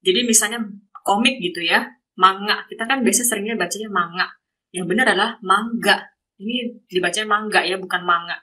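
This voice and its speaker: A woman's voice: medium pitch, fast talker, pushed and bright, low-quality recording. A woman from Indonesia, a guest speaker giving a casual online lesson over a video call, explaining step by step with many examples. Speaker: guest speaker teaching Japanese.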